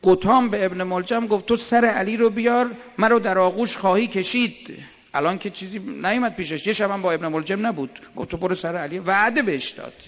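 A man delivering a sermon in a slightly high, gravelly voice. He stretches out the lines of poetry slowly and then talks to the audience in a casual way. His voice carries a long reverb from a large hall. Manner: slow drawn-out recitation of verses, conversational asides to the audience. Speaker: preacher. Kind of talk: religious sermon with poetry recitation.

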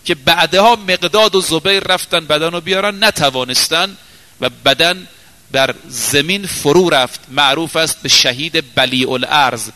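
A man preaching a sermon, telling a story dramatically and moving between raised exclamations and hushed, slowed passages. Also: on the high side, big-room sound.

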